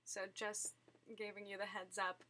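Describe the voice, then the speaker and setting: Bright-voiced chatty woman. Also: mid-range voice, flat delivery, normal speed. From Southern California. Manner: chatty, giggly, lots of fillers. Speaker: vlogger. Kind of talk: casual chat.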